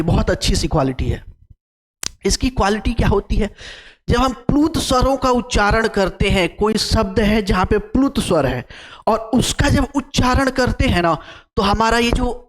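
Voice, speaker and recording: A man's voice: high voice, long reverb tail. A man teaching an exam-prep lesson, repeating key terms, quizzing the class and drawing out vowel sounds to show their length.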